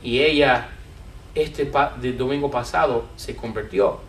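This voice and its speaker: Man, preacher, slow deliberate sermon, repeats words, asks questions, roomy echo. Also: mid-range voice, slight background noise. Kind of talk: sermon teaching. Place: church with a congregation.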